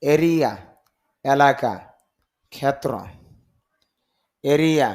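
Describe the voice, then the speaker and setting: A man with a Bengali accent gives a vocabulary lesson, saying each word slowly and deliberately. He repeats every term and its meaning in a steady, measured drill, at a pitch in the middle for a man. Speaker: English teacher.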